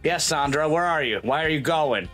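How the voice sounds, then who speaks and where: A woman playing a video game with a friend, chatting casually and reading the game's text aloud. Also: moderate pace. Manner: playful, reads game text aloud, lively pitch. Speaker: co-host playing a dating game. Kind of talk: casual let's play with narration reading. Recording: faint music behind.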